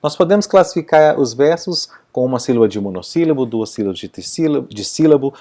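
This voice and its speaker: A man's voice: medium pitch, lively intonation, quick pace, dark tone. A man teaching a video lesson, explaining step by step and often checking in with his listeners.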